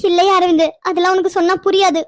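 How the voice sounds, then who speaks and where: A woman voicing a weary, soft-spoken middle-aged mother in a cartoon, answering hesitantly and quietly. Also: extremely high pitch, little pitch movement, rapid-fire. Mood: subdued. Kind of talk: animated cartoon dialogue.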